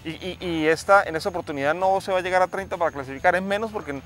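A man's voice: high-pitched, rapid-fire, a bit bright. A Colombian man hosting an outdoor football discussion and going through analysis with his partner. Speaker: sports show host. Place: outdoors at night. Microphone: lapel mic, speaking through face mask.

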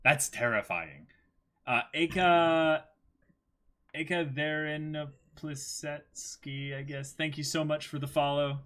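On a stream, a man in his twenties reads a manga aloud, reacting casually with amazed exclamations and acting out the dialogue. His voice is fairly high and a bit bright, and he takes his time.

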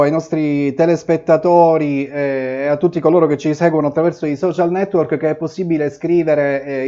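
Man, 30s, TV sports host, chatty, hesitant fillers, higher pitch, slightly muffled sound. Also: mellow. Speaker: studio host. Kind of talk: live pre-match sports talk show. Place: TV studio set.

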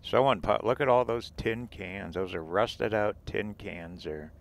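A creaky voice on the low side, a little slow, belongs to a man vlogging about RV travel as he drives desert roads. He narrates casually from inside the vehicle, rambling and pointing out the scenery as he goes.

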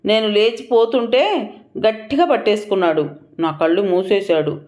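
A woman's voice: medium pitch, moderate pace, a little mellow, voice pushed up, lightly acted. A woman voicing a frightened, timid young village girl who speaks hesitantly. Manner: hesitant, pleading.

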